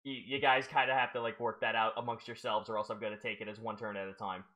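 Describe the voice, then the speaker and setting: A man narrating a tabletop role-playing game as game master, halting and restarting as he explains the rules. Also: lowish voice, flat delivery, pushed and bright.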